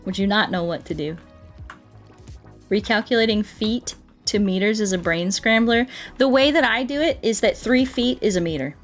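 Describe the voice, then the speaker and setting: A young American woman streams a game and chats casually, rambling along and acting out bits of what people said. Her mid-range voice keeps a normal speed over background music.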